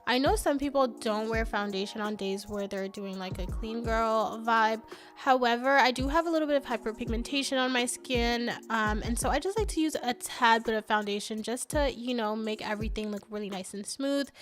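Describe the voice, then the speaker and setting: A woman's voice: fairly high pitch, normal speed. A young woman with a stuffy, congested nose narrating a makeup tutorial in a chatty, upbeat way. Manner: chatty, upbeat, many fillers. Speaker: beauty vlogger. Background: faint background music.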